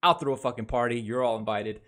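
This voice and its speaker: A man's voice: medium pitch, quick pace, a bit bright. A man giving a casual, heavily profane recap of a baseball series, talking over game footage. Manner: talks over game footage, reviewing plays. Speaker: baseball fan commentator. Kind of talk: casual sports recap commentary.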